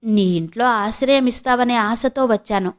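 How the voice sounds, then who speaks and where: A woman reading the lines of a frail, elderly man who pleads softly for forgiveness and shelter. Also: on the high side, moderate pace, natural voice. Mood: pleading. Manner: soft and pleading. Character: frail, pleading old man down on his luck.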